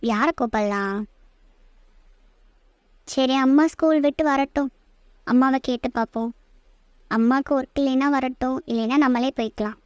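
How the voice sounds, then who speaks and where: A young cartoon woman who muses to herself in an easy, relaxed way, as a woman puts her on. Her voice is lower than the others but still high. The sound is dry. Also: normal speed, pauses often, no room sound, lightly acted. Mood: musing. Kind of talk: cartoon voice acting.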